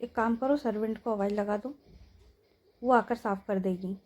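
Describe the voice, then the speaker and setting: A woman voicing a bossy young woman who scolds and gives orders, speaking louder than her narration. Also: medium pitch, normal speed, lightly acted. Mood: commanding. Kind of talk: storytelling role-play.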